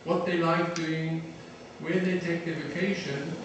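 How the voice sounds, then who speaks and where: Speaking from far off the mic in an echoey hall with faint background noise, a middle-aged man from South Africa lectures an audience as a defense attaché. He has a fairly high pitch and fairly even intonation. His delivery is hesitant, with frequent fillers and restarts.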